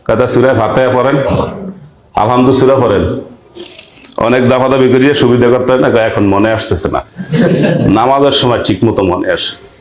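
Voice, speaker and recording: Male preacher, mid-pitched, questioning the crowd, reverberant hall sound. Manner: rhetorical questions to the audience, acts out village dialogue. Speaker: preacher giving Quran commentary. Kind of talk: sermon.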